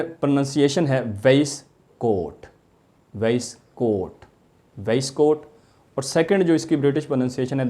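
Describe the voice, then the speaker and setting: A man teaching English pronunciation in an Urdu lecture, slowly drawing out each word he models. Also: mid-range voice, warm tone. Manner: slow, drawn-out model pronunciations of words.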